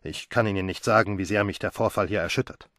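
Man playing middle-aged police chief, brisk, loud, official. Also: fairly low pitch, fairly even intonation, no echo, clean studio sound, close to an everyday voice. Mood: formal.

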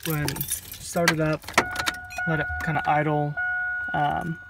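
Here the man's voice sits on the high side but barely moves in pitch, and his pace is measured. He's a DIY car vlogger giving casual how-to narration on a handheld phone, rambling and thinking out loud with frequent ums as he walks through a repair. Loud road and engine noise carries from inside the moving car to outdoors beside it at night.

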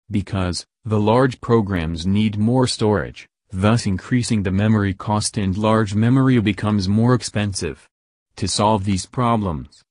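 A man giving scripted educational narration in a measured, even reading style, slowing down for list items. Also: on the low side, dry recording, studio quality.

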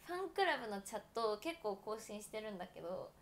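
A woman's voice: medium pitch, animated, quick pace. A woman in her twenties from Toyama, chatting casually and giggling often as a livestream host, filling her talk with fillers. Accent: Toyama Japanese. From Japan (Toyama). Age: 20s. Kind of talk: casual solo livestream chat.

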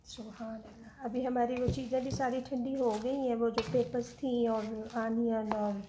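A woman with a fairly high voice demonstrates a recipe in her home kitchen. She talks straight to her viewers, explaining each step in a friendly, chatty way and mixing in English words. A faint noise sits behind her voice. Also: flat delivery, moderate pace. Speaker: home cooking channel host.

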